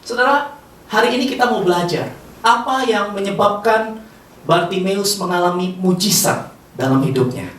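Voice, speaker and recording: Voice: medium pitch, animated, normal speed, a bit bright. A pastor preaching a sermon, drawing the congregation into call-and-response and teasing them playfully with frequent laughter. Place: large hall with a congregation. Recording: roomy hall, distant mic, faint noise.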